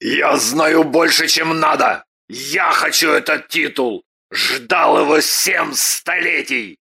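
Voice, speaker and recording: A woman voicing a haughty, ancient male baron mage with a gruff, lowered voice, in a storybook reading. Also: animated, extremely slow, pushed and bright, exaggerated voice.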